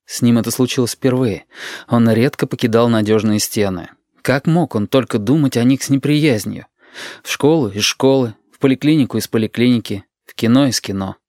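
A man narrating an audiobook in an even, measured storytelling voice. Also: medium pitch, dry recording, clean studio sound.

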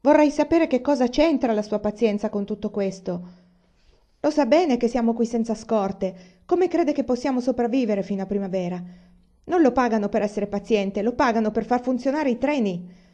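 A woman's voice: fairly high pitch, animated, a little fast, mellow, voice pushed up, close to an everyday voice. A woman voicing an anxious pioneer mother who speaks emphatically, in a slightly muffled recording. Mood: indignant. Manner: emphatic, exclaiming.

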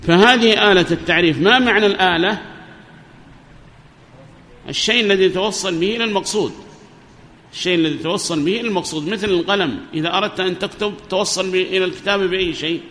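A man's voice: high voice, quick pace, pushed and bright. Man teaching grammar in an echoing hall. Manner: asks students questions and repeats answers. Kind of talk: classroom lesson explaining a grammar poem. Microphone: amplifier microphone. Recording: reverberant hall, faint background noise.

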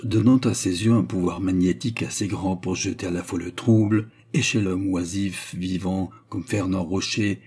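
A man narrating a novel in a measured, steady reading. His voice sits low and dark, with a husky texture. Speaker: audiobook narrator. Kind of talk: scripted narration.

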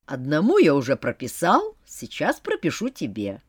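A woman voicing a sardonic male demon who teases in a dry, mocking way, speaking with lively pitch. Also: moderate pace, breathy edge, no echo, full character voice.

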